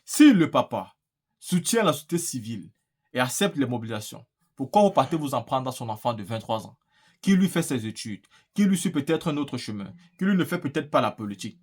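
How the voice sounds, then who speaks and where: A man's voice: medium pitch, sing-song, brisk, a little mellow, slightly rough. A man hosting opinionated political commentary, indignant and full of rhetorical questions. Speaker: political commentary video host.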